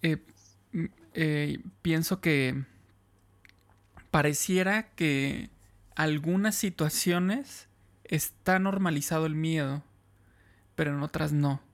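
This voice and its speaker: Interviewer, hesitant, gravelly voice, mid pitch. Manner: hesitant, thinking aloud with fillers. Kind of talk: conversational interview.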